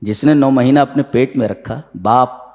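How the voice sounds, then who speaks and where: A man preaching a sermon, reciting Arabic verses and explaining them with dramatic swings in pitch. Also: moderate pace, warm tone. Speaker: preacher giving Quran commentary. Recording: long hall reverb.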